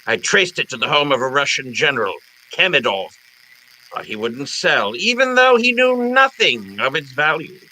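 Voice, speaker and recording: A man's voice: on the high side, sing-song, normal speed, pushed and bright, exaggerated voice, poor audio. A man playing a genteel, wily crime boss in a radio detective drama, speaking in a pompous, florid, courteous way. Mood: grandly scheming. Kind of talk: old time radio detective drama acting.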